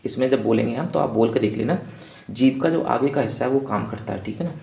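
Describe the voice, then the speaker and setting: Male teacher, mellow, echoey room. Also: mid-range voice, quick pace, gravelly. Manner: rhetorical questions, repeated check-ins. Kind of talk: exam revision lecture.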